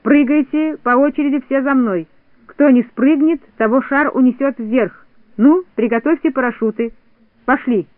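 A clever little leader who stays calm and rallies the others, as a man puts him on for a storybook. Steady and firm, heard dry and tinny as over a phone. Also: very high-pitched, fast, hardly any pauses, dry recording. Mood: commanding. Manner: calm, commanding.

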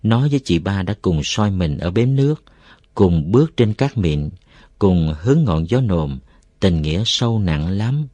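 A man reading a novel aloud, calm and even, as narrator. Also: deep voice, measured pace, no room sound.

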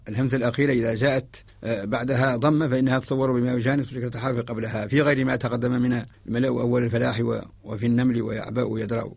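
Gravelly fast-talking teacher. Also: male voice, medium pitch, darkish tone, no room sound. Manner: methodical, chants verse lines then explains them; poses example questions to an imagined student. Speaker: Quran spelling teacher. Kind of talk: radio lesson.

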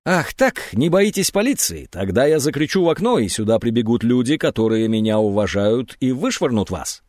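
A man's voice: mid-range voice, sing-song, moderate pace, dry recording, clean studio sound, close to an everyday voice. A man voicing an angry, indignant woman psychiatrist in an audiobook. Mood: furious. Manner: sharp, indignant.

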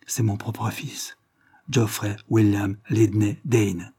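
A man reading the part of an older lord, mocking and secretive, speaking in a wry, measured way. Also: lowish voice, level tone, gravelly, warm tone, breathy edge, no echo, studio quality, exaggerated voice.

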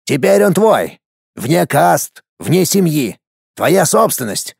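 A stern old grey shaman, as a male narrator puts him on, speaking in slow, weighty phrases. The voice is mellow and dry. Each pronouncement lands with quiet authority. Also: fairly high pitch, very animated, gravelly, slightly rough, dry recording, heavily acted. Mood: solemn.

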